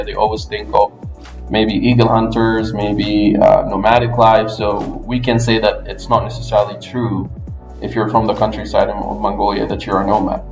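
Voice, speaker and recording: A man from the United States hosting an interview, asking questions in clear, explanatory steps. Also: on the low side. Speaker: interviewer, English language fellow. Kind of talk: podcast interview. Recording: echoey room, music underneath.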